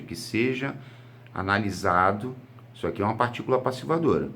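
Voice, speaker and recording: Lowish-voiced Brazilian man teaching grammar. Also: fairly bright tone. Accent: Brazilian Portuguese. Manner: explains step by step, rhetorical questions and answers. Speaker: exam prep teacher. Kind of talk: grammar lesson walkthrough.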